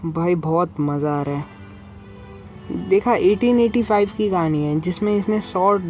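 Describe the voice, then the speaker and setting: A man hosting a gaming channel, giving chatty, excitable commentary as he plays and keeps calling out to the viewers as guys and bro. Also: high voice, takes it slowly. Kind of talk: casual let's-play commentary. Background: game music.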